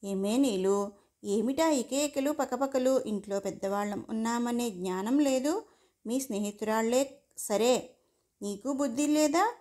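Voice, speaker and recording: A woman's voice: fairly high pitch, a little slow, dark tone, lightly acted. A woman voicing a middle-aged mother in a storybook reading, scolding sharply in a raised voice. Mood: angry.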